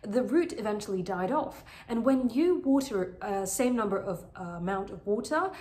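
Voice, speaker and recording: A woman with a medium-pitched, slightly mellow voice and lively intonation talks at a moderate pace, reviewing a product to camera for her houseplant channel. She's earnest and chatty with frequent fillers, her voice still recovering from illness. She films in a bright living room full of plants, where the audio echoes like a roomy home space.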